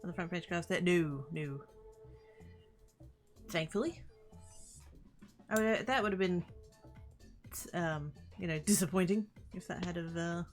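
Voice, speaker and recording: A woman's voice: on the low side, measured pace, pauses often, soft background music. A woman livestreamer chatting casually and playfully with her viewers, rambling and easily sidetracked. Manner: playful, informal greetings to chat.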